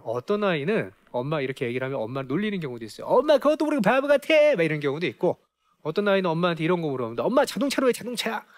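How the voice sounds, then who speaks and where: A man lecturing parents, his high voice swinging widely in pitch, throwing rhetorical questions at the room and slipping into kids' voices. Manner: poses rhetorical questions to the audience; acts out children's voices.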